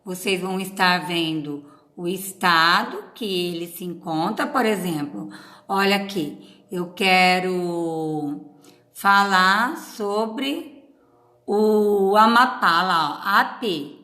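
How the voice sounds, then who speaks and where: A patient schoolteacher from Paraná, Brazil, with a Brazilian Portuguese accent, records a remote class for children in an echoey room. Her voice is lowish and sharp, and she speaks slowly, drawing out syllables and frequently saying "tá?".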